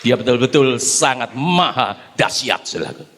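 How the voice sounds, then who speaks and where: A man preaching a sermon in church as pastor, animated and speaking straight to his congregation. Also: mid-range voice, normal speed, slight background noise. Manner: animated preaching, often addresses the congregation as "brothers and sisters"; calls the congregation to applaud. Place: church service on site.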